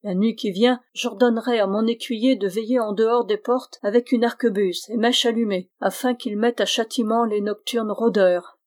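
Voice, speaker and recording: A woman's voice: fairly high pitch, steady tone, moderate pace, few pauses, a little mellow, natural voice. Woman doing a stern old aristocratic aunt. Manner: severe, formal.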